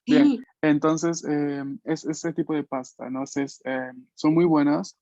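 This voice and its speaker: A man's voice: fairly high pitch, slow, darkish tone, no room sound, muffled recording. A man teaching an online language class, explaining patiently and checking in with frequent questions. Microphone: video call.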